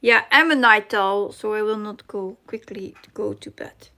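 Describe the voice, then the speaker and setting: Speaking at normal speed with a medium pitch, this middle-aged woman sounds pushed and bright. She hosts a casual cross-stitch live chat in a Dutch accent, reading out comments while groping for English words.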